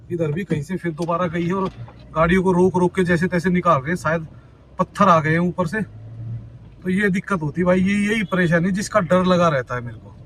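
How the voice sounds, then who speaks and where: A man's voice: a little high, fairly bright tone, rough recording. A man vlogging casually from a car in traffic, chatting with viewers as "brother" and sounding worried about the roads. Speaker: travel vlogger. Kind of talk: casual driving vlog commentary. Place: inside a car in traffic, outdoors around.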